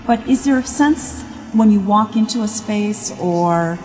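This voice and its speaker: A woman's voice: medium pitch, animated, unhurried, darkish tone. A woman hosting an informal interview in a bookstore cafe, asking long friendly questions. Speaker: interviewer, nonprofit founder. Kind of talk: casual interview. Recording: echoey room with faint music.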